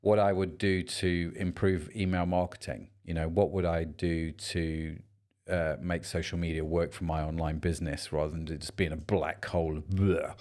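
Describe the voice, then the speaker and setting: A man's voice: sits low, level tone, normal speed, a little mellow. A man co-hosting a business podcast, talking in a chatty, rambling way and joking around. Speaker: podcast co-host. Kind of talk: casual podcast chat.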